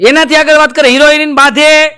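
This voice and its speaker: High-voiced man doing stand-up. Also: flat delivery, brisk, sharp tone. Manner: storytelling, addresses audience as sir, mimics voices. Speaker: stand-up comedian. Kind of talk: live stand-up jokes and moral talk. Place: stage before a live audience.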